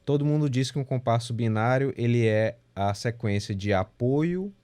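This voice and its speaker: A man's voice: medium pitch, normal speed, dark tone. A man teaching a remote music theory class, explaining patiently and counting beats aloud, with frequent tag questions. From Brazil. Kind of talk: remote lecture. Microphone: remote class recording.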